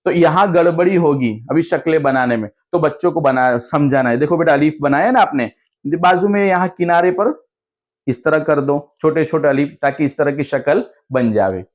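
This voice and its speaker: A man's voice: fairly high pitch, lively intonation, moderate pace. A man, an Islamic scholar, showing madrasa teachers how to teach children, acting out the questions and the children's answers in a patient, repetitive, encouraging way. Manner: acts out classroom exchanges, asking children questions and answering for them. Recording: dull lo-fi recording.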